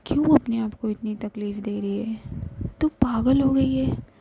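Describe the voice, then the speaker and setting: A woman with a cold voicing a caring young woman who comforts a crying friend, soothing and pleading in a breathy half-whisper. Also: on the high side, a little slow, highs cut off, a little hiss or hum. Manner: soothing, then pleading and excitable. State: has a cold and flu.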